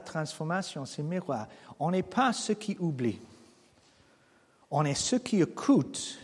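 A man preaching a sermon in French as a non-native speaker with a foreign accent, speaking slowly and haltingly with rhetorical questions. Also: on the high side, a little mellow, long reverb tail. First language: not French. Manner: slow, halting delivery with restarts and rhetorical questions. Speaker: pastor. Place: church hall.

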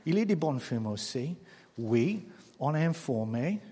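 Man with a foreign accent, non-native French, sermon, halting restarts, slightly high voice, long reverb in a hall. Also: very animated, dark tone, husky. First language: not French. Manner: slow, halting delivery with restarts and rhetorical questions. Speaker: pastor. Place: church hall.

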